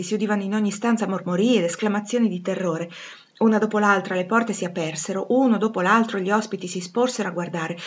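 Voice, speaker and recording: A woman reading a classic novel aloud in a measured, expressive way. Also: mid-range voice, lo-fi sound. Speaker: audiobook reader. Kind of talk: literary audiobook narration.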